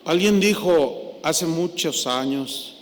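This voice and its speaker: A man preaching a sermon and telling a story, with an animated delivery that swings from hushed to loud. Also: fairly high pitch, slow pace. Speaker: pastor. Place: large church hall. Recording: echoey hall, faint noise.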